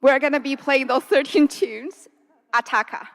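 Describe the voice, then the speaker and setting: A woman from a string quartet speaks in a high voice, taking her time as she chats and explains. She reads out a run of titles one by one. Her words trail off in the long echo of a large church. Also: unhurried, fairly bright tone. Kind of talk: introducing pieces at a concert talk. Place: church sanctuary.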